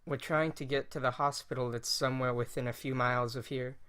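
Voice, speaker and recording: A man's voice: mid-range voice, steady tone, a little fast, fairly bright tone, smooth, close to an everyday voice. A man voicing a guarded, terse young man protecting his pregnant girlfriend. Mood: weary. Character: wary young man, protective boyfriend, blunt.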